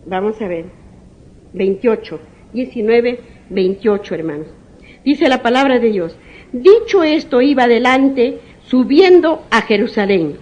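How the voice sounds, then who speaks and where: A woman pastor preaching a sermon, reading Bible verses slowly and with emphasis, repeating verse numbers and often addressing her listeners as brothers. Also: mid-range voice, lo-fi sound. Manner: reads scripture slowly and with emphasis.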